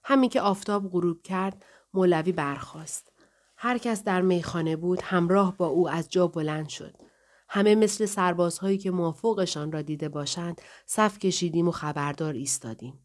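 A woman reading a novel aloud in first person, even and measured. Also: lowish voice. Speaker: audiobook narrator. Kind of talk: scripted first-person narration.

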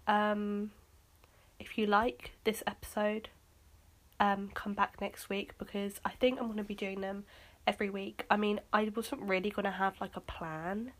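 A woman's voice: medium pitch, fairly even intonation, a little slow. A woman hosting her own podcast, chatting casually and rambling with lots of fillers. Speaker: podcast host. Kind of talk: casual solo podcast chat.

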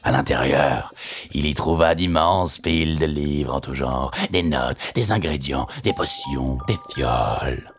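A man's voice: very deep voice, unhurried, faint music behind. A man narrating a spooky tale in a suspenseful, theatrical storytelling style.

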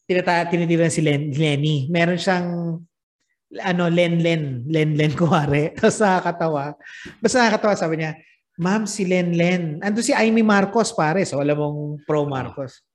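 A man's voice: a little high, moderate pace. A man with a Filipino accent hosting a casual podcast chat, talking loosely and laughing often. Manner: chatty, laughs often, mixes English into Filipino. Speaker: podcast host.

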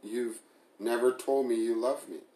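A man's voice: mid-range voice, fairly even intonation, unhurried, mellow, close to an everyday voice. A man voicing a hurt, sarcastic young woman who confronts her partner, speaking in a pleading, bitter way. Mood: hurt, pressing. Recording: roomy echo.

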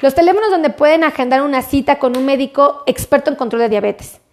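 Chatty high-voiced Mexican woman doctor. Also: fairly quick. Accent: Mexican Spanish. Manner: chatty, warm, repeats her pleas to share. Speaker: doctor hosting a live stream. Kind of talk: casual live-stream health talk. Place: doctor's office, indoors. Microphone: webcam or phone in her office.

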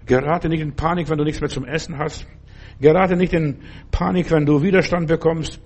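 An older man preaching a sermon, repeating his exhortations earnestly and dropping at times to a soft, slow, reassuring tone. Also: a little high, fairly even intonation, husky.

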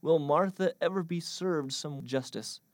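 A man narrating a mock-historical comic tale in a deadpan, mock-grand manner. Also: a little high, a little slow, no room sound.

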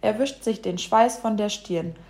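A woman reads a children's animal story aloud. Her narration is lively and expressive, at an even middle pitch. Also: unhurried.

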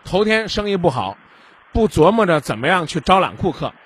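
Very animated and brisk, this man's high voice has a breathy edge as he hosts a radio call-in advice show. He acts out small dialogues while lecturing the caller, repeatedly checking that they understand.

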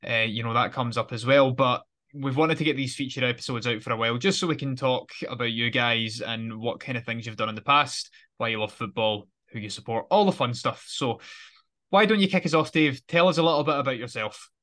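A man's voice: mid-range voice, fairly quick, pushed and bright. A British man hosting a casual football podcast, chatty and rambling, correcting himself as he goes. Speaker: podcast host.

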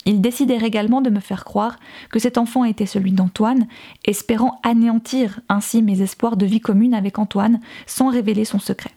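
A woman narrating a novel in the first person, in a measured, even storytelling manner. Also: a little high. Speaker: audiobook narrator.

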